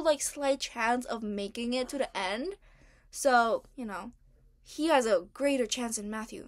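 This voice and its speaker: Chatty young woman with a higher voice. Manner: informal, chatty, slangy. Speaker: artist narrating own original characters. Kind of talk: casual voice-over storytelling about drawings.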